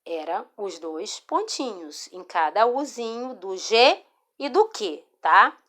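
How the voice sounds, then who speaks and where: A woman's voice: medium pitch, big pitch swings, fairly bright tone. A Brazilian woman teaching a spelling lesson, explaining patiently and checking in with her students as she goes. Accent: Brazilian Portuguese. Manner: slow, patient, repeats words and checks in with "tá?". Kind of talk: explaining a spelling lesson over a screen recording. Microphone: phone or screen recorder mic.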